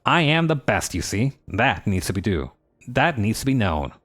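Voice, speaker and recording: A man's voice: lowish voice, sing-song, moderate pace, a bit bright. A man voicing a boastful, nerdy male bird-creature bookbinder in a game, pompous and curt.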